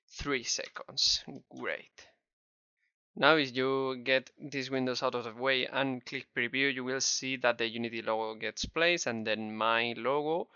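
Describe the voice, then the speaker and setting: With a Spanish accent, a man narrates a screen-recorded, step-by-step game development tutorial in a friendly, encouraging way. His mid-range voice has a sharp, smooth tone with no echo, picked up by a dull, slightly lo-fi close mic.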